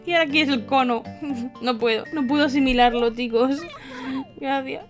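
A young woman with a Spain Spanish accent hosts a gaming channel, giving brisk gameplay commentary in a high-pitched, fairly even voice. She exclaims to her viewers with theatrical, exaggerated mock-grief while faint game music plays in the background.

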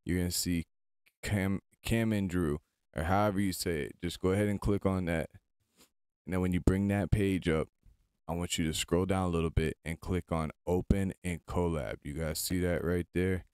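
Deep-voiced, casual man giving a tutorial. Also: fairly even intonation, normal speed, darkish tone, smooth, no echo, studio quality. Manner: informal, chatty, step-by-step instructing. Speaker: tutorial host. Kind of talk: casual screen-recorded tutorial.

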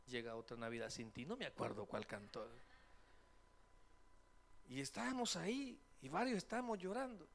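A man's voice: on the high side, moderate pace, gravelly, pauses often, slight background noise. A man, preaching a sermon as pastor in a church, acting out voices and joking with the congregation. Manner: animated, acts out quoted voices, jokes with congregation. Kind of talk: lively sermon. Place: church sanctuary.

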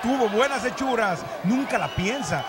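High-pitched Mexican male wrestling commentator. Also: animated, moderate pace. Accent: Mexican Spanish. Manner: emphatic, repeats phrases. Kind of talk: excited live lucha libre commentary. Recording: loud arena crowd behind commentary. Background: cheering arena crowd.

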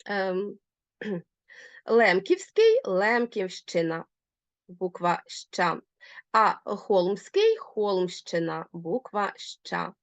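A woman teacher giving a recorded online lesson, explaining clearly and deliberately, step by step. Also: mid-range voice, big pitch swings, no room sound.

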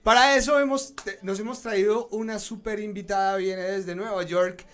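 Chatty man hosting, higher voice. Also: fairly even intonation, normal speed, fairly bright tone, smooth. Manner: chatty, talks to online viewers. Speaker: host. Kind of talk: live studio interview. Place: small studio, indoors. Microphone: studio mic on a stand.

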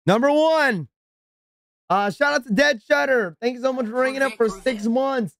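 A man's voice: very high voice, moderate pace, creaky, a bit bright. A man live-streaming, reacting in an exasperated, ranting way and thanking subscribers as he talks to his viewers.

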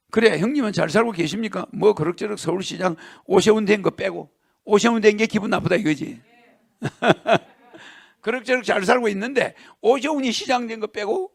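An older man with a gravelly, creaky voice and a fairly high pitch for a man. He gives a lecture-style talk, reading a column aloud and stopping often to comment. He keeps throwing emphatic rhetorical questions at his audience.

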